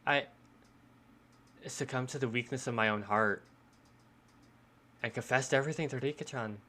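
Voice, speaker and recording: Guy streamer reading a visual novel out loud, stammers a lot, bright voice. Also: medium pitch, a little fast. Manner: stammering, repeats words when emotional. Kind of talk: dramatic reading with live commentary.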